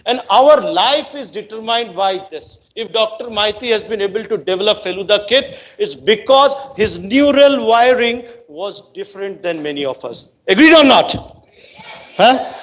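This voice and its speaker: Male coach, Indian accent, high voice. Emphatic, instructive lecture delivery with repeated phrasing and check-in questions. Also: lively intonation, moderate pace, fairly bright tone. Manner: emphatic repetition, frequent rhetorical check-in questions. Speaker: brain-based coach giving a talk to students. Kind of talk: motivational educational lecture with storytelling.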